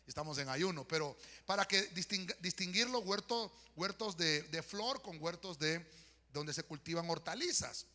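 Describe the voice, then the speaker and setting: Honduran male pastor, high bright voice, preaching with many "eh" fillers and "¿verdad?" checks, reverberant church hall. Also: lively intonation, moderate pace. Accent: Honduran Spanish. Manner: addresses congregation as "hermano", frequent "¿verdad?" and "eh" fillers. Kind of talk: sermon with spoken prayer. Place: church sanctuary.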